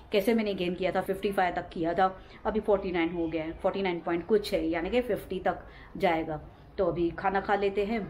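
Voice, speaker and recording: A young woman from India, Sindhi her first language, talks through her day at home in a loose, rambling vlog and circles back on the same phrases. Her voice sits at a middling pitch but comes out weak and subdued after illness. A faint hiss of room noise lies under her. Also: darkish tone. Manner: rambling, repeats herself. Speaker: home vlogger. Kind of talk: casual chatty daily vlog. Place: home, indoors.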